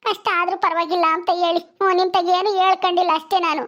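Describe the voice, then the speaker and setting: A woman's voice: very high voice, level tone, fairly bright tone. A woman playing a tearful young village wife who pleads and pities herself, speaking. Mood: pleading. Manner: tearful, pleading, with many drawn-out "hmm"s.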